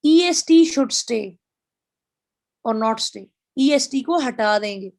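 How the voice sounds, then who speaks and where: A woman's voice: a little high, lively intonation, drawn-out words, vocal fry, a little mellow. A woman with a Pakistani accent giving a grammar lecture, explaining step by step and spelling out English example sentences. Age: middle-aged.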